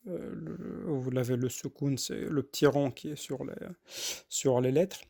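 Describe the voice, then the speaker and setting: A man giving a spoken lesson on recitation, with a voice of middling pitch. He goes slowly and patiently, spelling out each sound and repeating it, with many small hesitations as he explains. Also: vocal fry, warm tone, husky. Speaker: Quran reading teacher.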